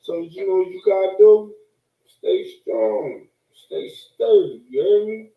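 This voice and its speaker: The sound is roomy and a little distant from the microphone. A man with a somewhat high voice rambles like a stoner in casual, profane street slang. He circles back and repeats his phrases as he chats. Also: big pitch swings, measured pace, narrow, tinny audio. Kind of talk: casual chat. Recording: echoey room, distant microphone.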